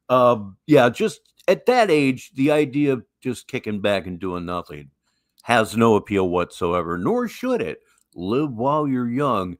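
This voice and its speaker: A man's voice: lowish voice, no echo, studio quality. An older American man with a Midwestern accent, hosting a casual livestream with folksy, musing, wry commentary. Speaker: livestream host.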